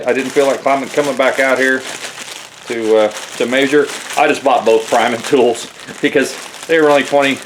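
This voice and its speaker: This man's medium-pitched voice comes through a rough recording with a little hiss or hum. A home mechanic with a head cold that leaves him stuffed up, he hosts a casual car rebuild vlog from the garage, rambling and correcting himself as he rummages through boxes.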